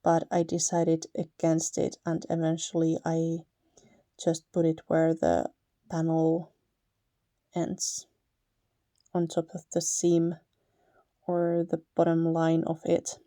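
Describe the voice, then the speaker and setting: With a deep voice, a slow pace, and long pauses, a Finnish-accented woman from Finland hosts a paper-crafting tutorial in a relaxed, chatty style. She laughs lightly and occasionally fixes her own words, and the studio-quality recording has no room sound.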